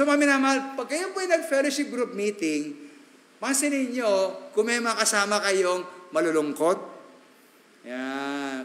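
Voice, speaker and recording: A man preaching in a church, his voice pitched high and bright. He talks in a chatty way, tossing in quick asides and asking the congregation to agree. The sound rings out with a long, echoey reverb from the hall. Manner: preaching in mixed Tagalog and English, chatty asides and tag questions. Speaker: pastor. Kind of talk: sermon. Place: church sanctuary.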